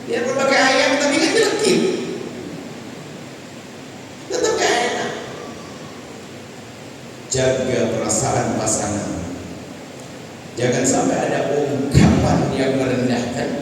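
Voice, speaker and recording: A man preaching a lively sermon in a large mosque, teasing and acting out short dialogues. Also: medium pitch, takes it slowly, pauses often. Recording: echoey hall from far off with room noise.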